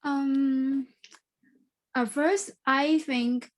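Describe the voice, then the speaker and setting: A woman from Hong Kong with a Hong Kong English accent, answering panel questions in halting, simple English on a video call. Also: high-pitched, steady tone. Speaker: student panelist.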